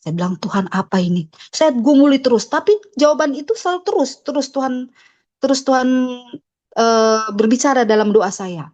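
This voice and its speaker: A woman's voice: high voice, expressive, normal speed, darkish tone. Middle-aged woman giving an emotional testimony. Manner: emotional storytelling, acting out remembered dialogue. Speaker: church member giving testimony. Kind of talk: personal testimony.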